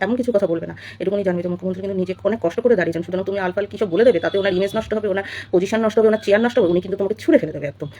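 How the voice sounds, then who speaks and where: A woman's voice: mid-range voice, darkish tone, slight background noise. A woman giving a casual opinion monologue, scolding and full of rhetorical questions. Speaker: social commentator.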